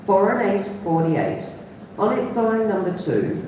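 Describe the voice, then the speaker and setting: A woman working as a bingo caller, announcing in a measured singsong that drops at the end of phrases. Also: mid-range voice, big pitch swings, warm tone. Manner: measured singsong announcing, dropping on the final number. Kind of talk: bingo calling, numbers announced in set phrases. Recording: echoey hall from far off, clear noise.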